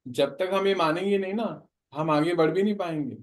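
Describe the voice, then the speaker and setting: A man's voice: sits high, normal speed. A man teaching a spiritual class, explaining and often asking his listeners questions.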